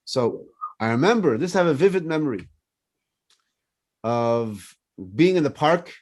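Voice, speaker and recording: With a measured pace and a slightly high, swinging voice, this rabbi in his fifties, whose first language is French, gives a lively morning lesson. Personal stories and repeated questions to the listeners run throughout.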